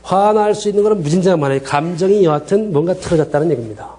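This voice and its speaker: A man's voice: high voice, fast. A middle-aged man teaching a counseling class, asking the class questions and acting out short quoted lines. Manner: lively, acts out quoted dialogue, asks the class questions. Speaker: counseling lecturer. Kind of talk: lecture.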